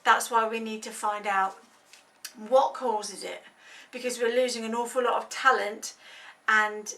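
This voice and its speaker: Far from the microphone, a woman in her thirties with a fairly high, slightly bright voice gives a casual explainer on an illness as a health advocate. She's earnest and conversational, pausing frequently with ums.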